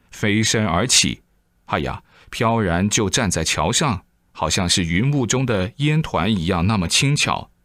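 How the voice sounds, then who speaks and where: A man preaching through an animated story, lively and exclaiming as he acts out the scenes. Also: fairly low pitch, no echo, studio quality. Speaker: preacher telling a moral tale.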